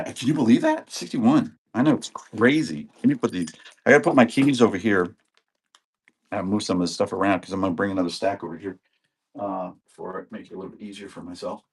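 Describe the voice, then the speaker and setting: A slightly rough, mid-range voice belongs to a man in his sixties who is recovering from an illness. He chats and rambles casually while selling videotapes on a live auction stream, greeting viewers by name.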